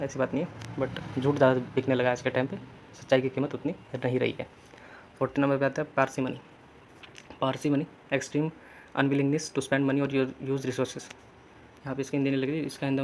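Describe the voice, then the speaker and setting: A man's voice: mid-range voice, a little hiss or hum. A young man teaching English vocabulary in casual Hindi mixed with English, chatty and telling little stories as memory tricks.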